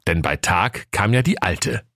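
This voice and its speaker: A man with a northern German accent narrating a comic fairy tale in a lively, playful way. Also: lowish voice, a little slow, vocal fry, dry recording, studio quality. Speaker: storyteller.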